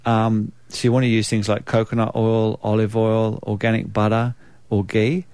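Man, New Zealand accent, lowish voice, measured explainer, dry recording. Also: level tone, a little mellow, clear, resonant tone, no echo. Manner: measured, explanatory, many um fillers. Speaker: naturopath guest. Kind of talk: conversational expert interview.

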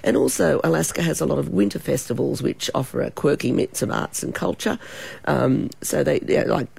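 A woman with an Australian accent, hoarse and croaky from a cold and sore throat, chatting as a travel expert in a radio interview. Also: sits low, fairly quick, darkish tone. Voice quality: croaky, husky.

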